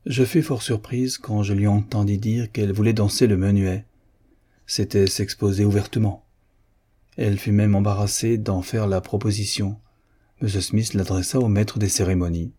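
A man reads a classic novel aloud in a calm, measured way. His voice is low and mellow, with a husky grain. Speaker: audiobook reader. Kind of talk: scripted narration.

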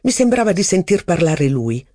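A man's voice: sits high, very animated, moderate pace, dark tone, dry recording, pitched above the performer's own voice. Male reader doing a polite young companion, plain and deferential, dry close sound.

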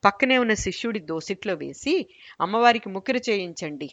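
A woman's voice: medium pitch, lively intonation, a little fast, fairly bright tone, dry recording. A woman reading as a pompous old holy man. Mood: commanding. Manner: grave, commanding. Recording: dull lo-fi recording.

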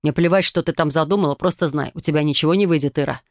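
A woman's voice: low-pitched, fast talker, no echo, clean studio sound. A woman reading an audiobook, voicing a cold, contemptuous husband who talks bluntly and scornfully. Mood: harsh. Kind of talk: audiobook character voice.

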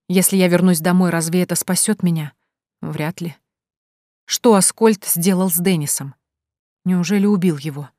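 A woman reading a first-person fantasy audiobook in an expressive, tense way. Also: deep voice, no room sound, clean studio sound. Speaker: audiobook narrator.

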